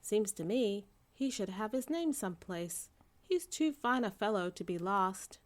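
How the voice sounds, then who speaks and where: Gentle, thoughtful young artist fellow for a kids' storybook, musing aloud female reader doing him. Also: mid-range voice, animated, a little slow, natural voice.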